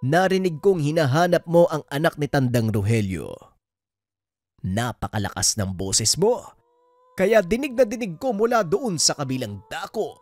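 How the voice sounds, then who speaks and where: A man's voice: a little high, sing-song, normal speed, dry recording, pitched above the performer's own voice. An old village man passes on what he has heard in a matter-of-fact tone, his voice a little raised, as a male narrator puts him on. The sound is dry and close. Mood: knowing.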